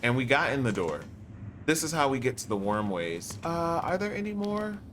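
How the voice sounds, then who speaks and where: A man's voice: medium pitch, big pitch swings, normal speed, background noise. A man streaming a game live, chatting casually with his viewers as he plays. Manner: laid-back, chatty, talks to chat viewers; sings playful ditties while playing. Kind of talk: live gameplay commentary. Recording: loud game music behind voice.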